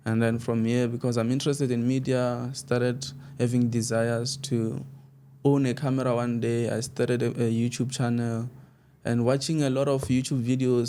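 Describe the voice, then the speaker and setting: A man's voice: medium pitch, mellow, smooth. A young South African man whose first language is Xitsonga, talking as an interview guest in a loose, rambling way full of restarts. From South Africa, Limpopo. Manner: rambling, frequent restarts and laughs. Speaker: guest, student media founder. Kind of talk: casual interview talk.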